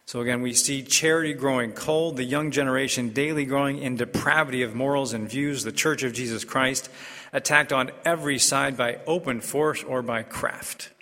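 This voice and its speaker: A male priest preaches and reads in a large, cathedral-like echo, with long reverb trailing his words. His voice is bright and forceful at a middle pitch, and his delivery is deliberate and measured. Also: fairly even intonation. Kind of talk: Gospel reading and homily. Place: large church interior. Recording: echoey church with long reverb.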